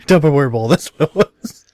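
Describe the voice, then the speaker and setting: A man joking in casual podcast chat, laughing often and throwing in quick quips. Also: a little high, very animated, darkish tone, no echo. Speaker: podcast co-host.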